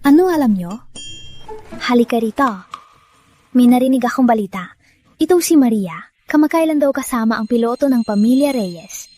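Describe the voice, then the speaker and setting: A gossiping female coworker, dubbed by a woman. Her voice is high yet mellow and soft-edged, eager to share news. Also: expressive, normal speed, long pauses. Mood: gossipy. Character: gossiping female office worker. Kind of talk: dubbed drama acting.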